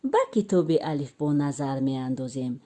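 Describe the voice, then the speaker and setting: A woman with a Tajik accent, a teacher giving a children's alphabet lesson and sounding out syllables slowly. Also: extremely low pitch, animated, warm tone. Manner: slow sing-song syllable drilling for children.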